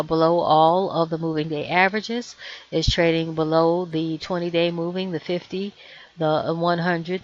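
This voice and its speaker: A woman with a hoarse, fading voice giving a measured, explanatory stock chart tutorial over a screen share, adding cautionary asides. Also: deep voice, highs cut off. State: hoarse, losing her voice. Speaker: trading educator.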